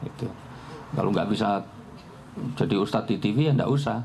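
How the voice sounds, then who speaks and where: A man's voice: on the low side, a little fast, creaky, a crowd in the background. A man giving a humorous religious talk at a live public forum, telling anecdotes and joking as he goes. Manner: joking, anecdotal storytelling with frequent laughs. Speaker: Islamic preacher.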